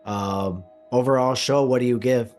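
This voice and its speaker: A man hosting a wrestling podcast, chatting excitedly and stressing his points, his voice a bit hoarse. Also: medium pitch, normal speed, faint music behind. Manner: excited, emphatic, repeats phrases. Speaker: podcast host. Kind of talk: casual podcast chat.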